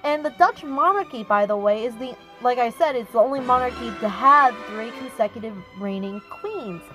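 A woman's voice: on the high side, normal speed, sharp tone, faint music behind, low-quality recording. A woman hosting her own channel, chatting casually about history while showing her speed art, often correcting herself. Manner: chatty, with frequent self-corrections. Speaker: YouTube artist and channel host.

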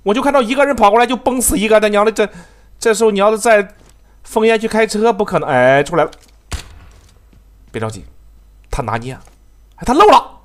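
A man giving excitable, profanity-laced live commentary on his own game, laughing and talking to his teammates. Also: high voice, brisk, long pauses. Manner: excitable, swears often, laughs, talks to teammates. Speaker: game streamer.

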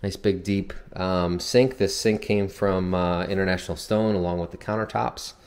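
A man with a deep, slightly mellow voice and fairly even intonation gives an unscripted house tour at normal speed for a home builder. He explains things informally as he walks through an empty new house, and the echoey interior adds long reverb.

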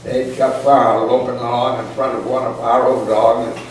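An elderly man, in his eighties or older, reads a folksy, humorous story aloud with a dry, rustic delivery in a medium-pitched, level voice at a moderate pace. He's in an indoor parlor with a small audience, captured from a distance by a camera microphone, so the recording sounds echoey and noisy.

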